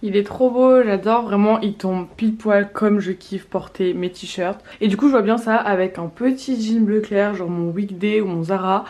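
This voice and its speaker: A teenage girl from France chatting casually in a vlog, tired and unwell, with quick asides and exasperated complaints. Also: mid-range voice, darkish tone. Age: teens. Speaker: vlogger.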